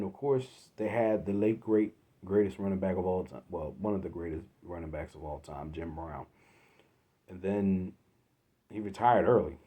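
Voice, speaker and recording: Husky low-voiced man ranting about sports. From Philadelphia. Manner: exasperated, swings from loud outbursts to low muttering. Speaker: podcast host. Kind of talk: solo sports podcast rant.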